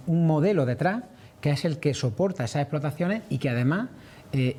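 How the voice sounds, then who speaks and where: A man's voice: on the high side, dark tone. A man answering as a farmers' representative in a broadcast interview, earnest and explanatory.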